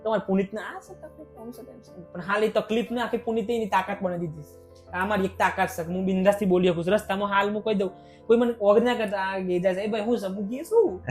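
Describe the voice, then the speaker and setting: A young man, a vlogger and podcast guest, talking in emotional, animated bursts in a casual conversation. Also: high-pitched, fast talker, soft background music.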